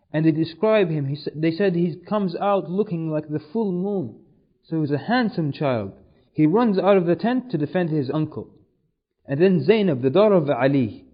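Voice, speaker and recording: A man with a fairly high voice tells a history lecture as a dramatic story. He lifts his delivery when he quotes the people in it. The recording sounds dull and lo-fi. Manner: dramatic retelling, voices quotes with rising intensity.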